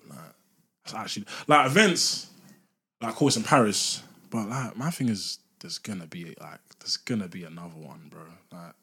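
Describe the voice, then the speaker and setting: A man's voice: lowish voice, normal speed, bright, forceful tone, slightly rough. A young man with a London accent in casual banter with friends on a podcast, speaking in slangy, repetitive, emphatic phrases. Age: young adult. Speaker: podcast panellist.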